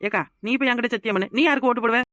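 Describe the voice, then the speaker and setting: A woman voicing an outspoken young village woman in a cartoon, with a southern Tamil Nadu rural accent, who shouts and scolds. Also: a little high, rapid-fire, no room sound, clean studio sound, close to an everyday voice. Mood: outraged. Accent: southern Tamil Nadu rural dialect. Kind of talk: cartoon voice acting.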